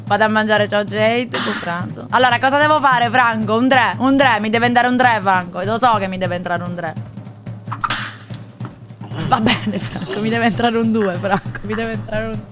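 Female game streamer, late 20s, Sicilian accent, slightly high voice, excitable and repetitive, music underneath. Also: normal speed. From Sicily, Italy. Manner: excitable, repetitive, mild swearing. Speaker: live streamer. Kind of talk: casual live game commentary while chatting with viewers. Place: indoor gaming room. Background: game music with drums.

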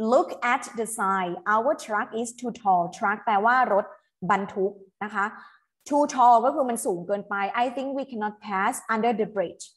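A woman teacher tutors her class through an English exam online. Her voice sits somewhat high. She is patient and coaxing, reading English phrases aloud slowly and then explaining them.

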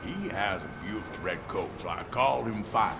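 Animated, creaky-voiced aggrieved citizen. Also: male voice, on the low side, brisk, over music. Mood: earnest, aggrieved. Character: indignant, oblivious male dog owner complaining to police.

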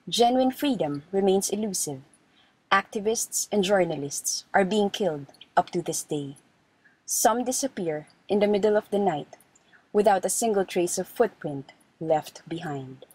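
A woman from the Philippines narrating a documentary voice-over in a steady, serious manner. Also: medium pitch, normal speed, slightly rough, poor audio.

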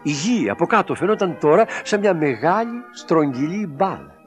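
A man reading a children's storybook aloud, with expressive, dramatic storytelling. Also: a little high. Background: background music.

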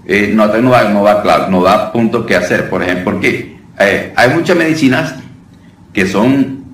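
A man's voice: lowish voice, normal speed, a bit bright. A man giving an informal preaching lesson on deliverance, talking conversationally, often calling his listeners brother and restarting his phrases. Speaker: deliverance minister teaching. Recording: roomy sound from a distant mic with faint noise.

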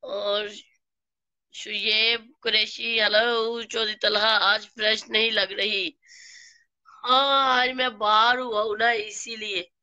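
A woman with a Pakistani Urdu accent, slightly hoarse from a flu, slowly greeting live stream viewers by name and teasing them. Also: a little high, fairly even intonation, pushed and bright, dry recording. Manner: slow, greets viewers by name, playful scolding. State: hoarse from a flu and sore throat.

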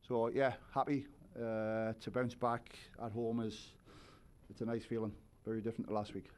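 A man's voice: medium pitch, little pitch movement, moderate pace, a little mellow, clear, resonant tone. A man in his forties, a head coach, giving thoughtful postgame answers at a press conference, seated at a table with a microphone. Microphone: table microphone on a stand.

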